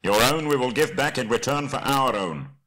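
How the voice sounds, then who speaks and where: Man voicing a bold, forthright leader, raised pitch. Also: expressive, normal speed, sharp tone. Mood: firm. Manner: forthright, challenging. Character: bold, firm male leader of men, bargaining.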